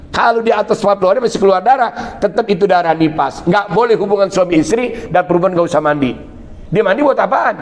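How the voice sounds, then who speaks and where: A middle-aged man with a Betawi Jakarta accent giving a religious lecture, mixing teaching with comic storytelling and acted-out family scenes. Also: high voice. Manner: lively storyteller acting out family scenes with shifting voices. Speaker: Islamic preacher.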